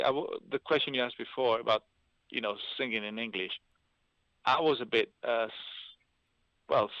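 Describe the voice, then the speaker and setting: A Greek musician whose first language is Italian is interviewed over a call, speaking hesitantly and with many fillers. His voice is mid-range, and the line sounds dull and dry.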